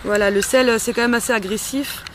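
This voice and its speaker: This is the host of a homemade beauty-care tutorial, a woman walking through the steps in a chatty, playful, informal way. Her voice is slightly high and a little fast, with fairly even intonation, and the background is noisy.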